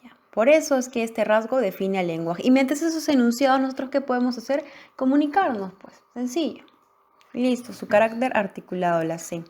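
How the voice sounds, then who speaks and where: A woman's voice: a little high, a little mellow. Woman teacher quizzing students on answers. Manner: questioning, pausing for answers, affirming "muy bien". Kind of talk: guided exam-practice lesson.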